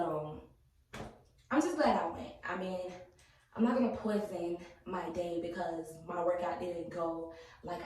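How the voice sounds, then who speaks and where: A young woman vlogging at home, talking candidly with lots of fillers, sometimes dropping to a hushed voice. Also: on the low side, slight background noise. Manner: candid, rambling, filler-heavy talk; hushed, half-whispered at times. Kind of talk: casual vlog narration. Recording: echoey room, mic at a distance.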